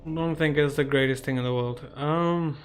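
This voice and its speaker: A man streams his card game and chats his way through each move. His voice sits a little high for a man, and he reasons aloud in a loose, excitable way. Soft game music runs quietly behind him. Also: moderate pace. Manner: chatty, thinks aloud, excitable. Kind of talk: casual gameplay commentary.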